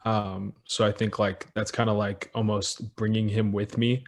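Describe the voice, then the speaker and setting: A man's voice: fairly low pitch, level tone, a little slow. A young man of Ethiopian heritage, a podcast guest chatting casually and joking, with lots of "um" and "like", recorded over a video call. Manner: laid-back, filler-heavy, joking. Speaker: podcast guest, business owner.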